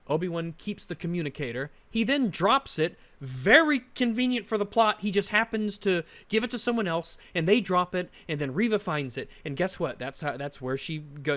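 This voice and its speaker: A man's voice: high-pitched, lively intonation, moderate pace, fairly bright tone. A man hosting a commentary video, ranting sarcastically in exasperated criticism of a show. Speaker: commentary channel host.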